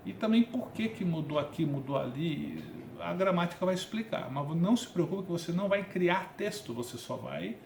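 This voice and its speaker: A man's voice: high voice, vocal fry, a little mellow, a little hiss or hum. Man, Brazilian Portuguese accent, grammar teacher, chatty explanations, echoey room recording. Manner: explanatory, conversational, frequent "né?" and "tá?" checks. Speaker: Biblical Hebrew teacher. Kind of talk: recorded online lesson. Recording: echoey room with faint ambience.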